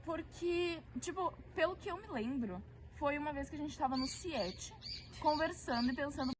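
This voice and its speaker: A teenage girl chats casually as a podcast co-host. She talks in a high voice, telling stories with lots of fillers. A clear layer of background noise sits under her voice. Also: moderate pace. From southern Brazil. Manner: chatty, laughing, storytelling with fillers. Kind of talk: casual chat.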